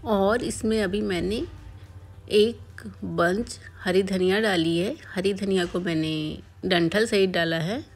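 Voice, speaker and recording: A woman calmly narrating a home cooking tutorial step by step as a voice-over. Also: medium pitch, takes it slowly, husky. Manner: calm step-by-step explaining. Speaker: cooking channel host.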